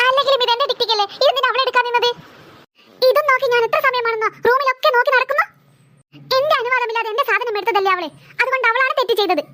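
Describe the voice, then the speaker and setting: [name], a woman doing a shrill bossy cartoon girl. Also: racing, sharp tone, no room sound. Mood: indignant. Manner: shrill, scolding, insistent. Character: bossy squabbling girl, possessive older sister. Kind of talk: cartoon voice acting.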